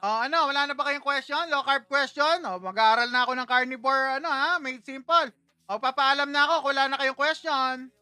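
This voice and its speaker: Playful bright-voiced man hosting a livestream. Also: extremely high pitch, fairly quick, no room sound. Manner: playful, teasing, laughs often. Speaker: livestream host. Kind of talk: casual livestream chat with viewers.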